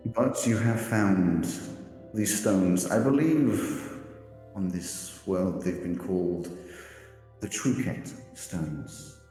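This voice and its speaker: A man voicing a mysterious otherworldly female being through an echoey voice changer, speaking slowly and solemnly. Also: deep voice, dark tone, faint music behind. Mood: cryptic. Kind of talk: game master voicing a character in a tabletop game.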